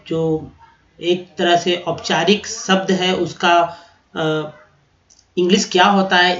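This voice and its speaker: A man's voice: high voice, a bit bright. A man teaching vocabulary to his viewers in a chatty lesson, spelling words out letter by letter and breaking them into syllables. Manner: chatty, addresses viewers as friends. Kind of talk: explanatory spoken lesson. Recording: roomy, dull lo-fi recording.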